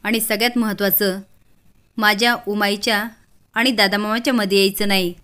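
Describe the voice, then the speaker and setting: A woman's voice: medium pitch, fairly even intonation, a little fast, smooth, lightly acted. A woman voicing an arrogant, dismissive young man in a family drama story. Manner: dismissive and sharp.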